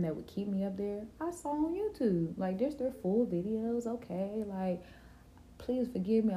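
A woman's voice: lowish voice, slight background noise. A young adult woman, hosting a casual faith-centered vlog and chatting animatedly to her viewers. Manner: animated, talks to viewers as "y'all". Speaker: vlogger and podcast host.

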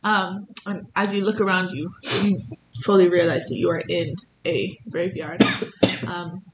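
A woman's voice: lowish voice, little pitch movement, unhurried, echoey room, background noise. A woman running a tabletop game as game master, narrating casually with lots of fillers. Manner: casual, filler-heavy narration with many likes and ums.

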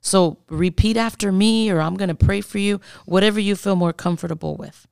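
A woman speaking as a guest minister, earnestly telling a faith testimony and slowly acting out the prayers she leads. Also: mid-range voice, creaky, a little mellow, clear, resonant tone, no echo, clean studio sound. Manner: earnest, slow and deliberate, acts out prayers. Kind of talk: testimony in a podcast interview.

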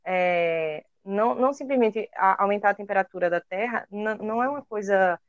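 Speaking at a normal speed in a mid-range voice, this podcast co-host carefully explains educational material, frequently pausing to search for the right word. Her accent is Brazilian Portuguese, and the sound is a dry, dull lo-fi recording.

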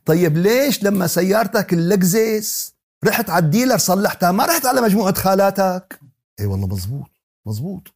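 A man with a Levantine Arabic accent giving a religious lesson in everyday dialect, animated and joking, asking his audience many rhetorical questions. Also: very high voice. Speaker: Quran teacher.

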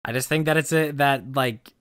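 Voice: moderate pace, clean tone, no echo, clean studio sound. A young adult podcast co-host chatting casually with playful, joking asides. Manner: playful, jokey asides, lively pitch. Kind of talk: casual chat.

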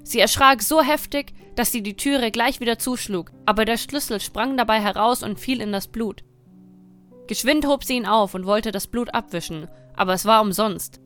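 A woman reads a dark fairy tale in a measured, dramatic way. Her voice sits fairly high, and soft music plays quietly under the narration. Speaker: storyteller.

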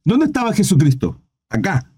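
A man preaching on a Bible passage in a live stream, reading verses and asking rhetorical questions, often clearing his throat. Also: sits high, huge pitch swings, moderate pace, mellow. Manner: reads scripture aloud and preaches on it, with rhetorical questions.

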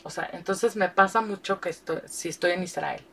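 A woman's voice: lowish voice, moderate pace, gravelly, slight background noise. Frank Mexican woman, storytelling. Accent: Mexican Spanish. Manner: animated, frank, laughs often. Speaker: guest. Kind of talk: candid storytelling. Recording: voice distant from the mic.

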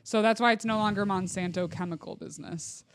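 A podcast co-host with a clean, smooth voice, recorded close and dry. The delivery is informal explanation with a wry, joking streak. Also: medium pitch, steady tone, fairly quick, no room sound. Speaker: podcast co-host presenting research. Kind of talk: casual explanatory talk with joking asides.

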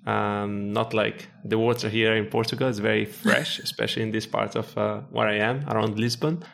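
A young man who grew up in Italy, chatting casually and relaxed as a podcast host. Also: on the low side, moderate pace, creaky. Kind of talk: casual conversation.

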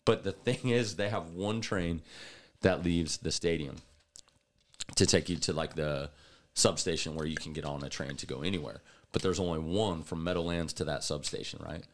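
Very deep-voiced man telling stories. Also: moderate pace. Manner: animated storyteller, laughs often. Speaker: podcast co-host. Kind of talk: casual chat.

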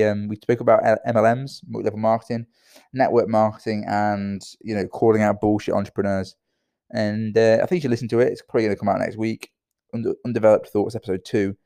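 British man, tired, solo podcast host, rambling with lots of fillers, lowish voice, dry close sound. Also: creaky, darkish tone, no echo. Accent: British English. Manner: rambling, with many fillers and repeated words.

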